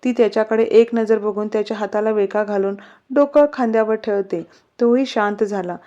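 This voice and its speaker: A woman narrating a romance story in a steady, expressive reading. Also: mid-range voice, brisk. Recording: slightly muffled recording.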